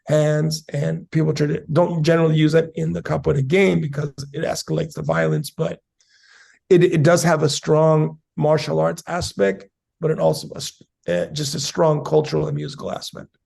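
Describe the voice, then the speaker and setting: A man in his forties from South San Diego, a capoeira master answering interview questions in a measured, academic way with many fillers. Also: on the high side, vocal fry, a little mellow. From South San Diego, USA. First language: Spanish and English.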